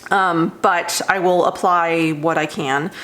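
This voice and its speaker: A woman's voice: fairly low pitch, steady tone, slow, fairly bright tone. A young woman chatting casually to camera as a beauty vlogger at home, rambling with many fillers. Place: home room with cats.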